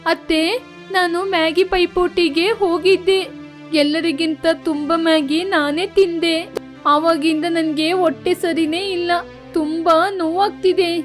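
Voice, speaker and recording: Brief: a whiny, greedy young wife in an animated storybook, high and shrill, voiced by a woman narrator. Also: unhurried, faint music behind. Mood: pained. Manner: whiny, complaining. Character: greedy silly young daughter-in-law, noodle-obsessed.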